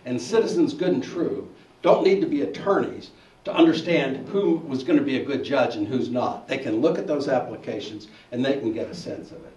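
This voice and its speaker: A bar association president speaks on a panel at a church hall forum, arguing his case persuasively through a story. His medium-pitched voice is animated, brisk, and a little mellow, though the audio is dull and echoey from a distant mic.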